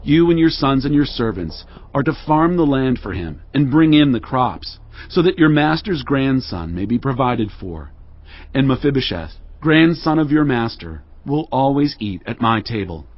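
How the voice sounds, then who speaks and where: An actor playing King David, a gracious, devout king, in a dramatized audio Bible with earnest, measured delivery. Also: mid-range voice, big pitch swings. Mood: gracious, reassuring. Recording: dull lo-fi audio over music.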